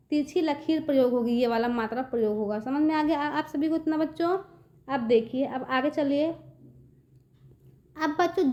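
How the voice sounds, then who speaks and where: A woman with a high, mellow voice gives young children an online Hindi reading lesson. She speaks patiently and frequently asks whether they've understood.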